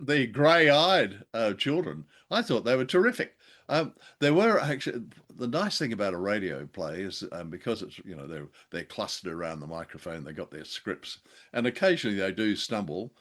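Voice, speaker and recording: With a fairly low, somewhat bright voice, an older man co-hosts a relaxed old-time radio review chat, exclaiming and gushing as he talks.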